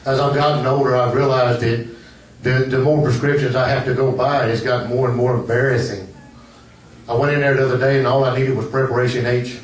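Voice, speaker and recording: An older man doing a stand-up set in a comedy club, nervous and self-deprecating, with a halting delivery. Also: mid-range voice, flat delivery, slight background noise. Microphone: camera out in the audience. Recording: roomy club, distant camera mic, laughing crowd. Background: audience laughter.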